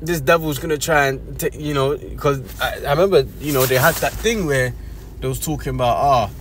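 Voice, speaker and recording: A man's voice: medium pitch, moderate pace. Blunt man over traffic noise. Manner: blunt, profane, street slang, repeats "man". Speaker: scripture commentator. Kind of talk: casual scripture commentary.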